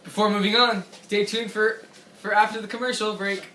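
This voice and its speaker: A man's voice: sits high, flat delivery, fairly quick, sharp tone. A man anchoring a mock newscast for a school project, casual and giggling as he reads, recorded far off in an echoey room. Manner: casual, laughing while reading. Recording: echoey room, far from mic, background noise.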